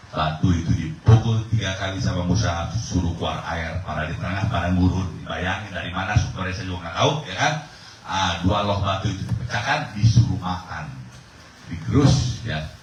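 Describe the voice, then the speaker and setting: A man preaching a sermon, telling a story, acting out voices and shifting from quiet murmurs to shouts. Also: dull audio, a little hiss or hum. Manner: storytelling preacher, acts out voices, asks the crowd for agreement; swings from low murmurs to loud shouting. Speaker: pastor. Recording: echoey hall, voice from far off.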